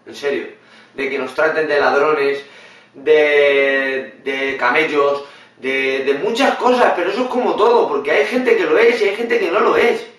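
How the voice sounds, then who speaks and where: Guy ranting on his vlog, high voice, super echoey room, mic kinda far. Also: a little slow. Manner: animated, blunt and swearing, mimics others in funny voices. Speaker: vlogger reacting to a video. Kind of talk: casual opinionated commentary.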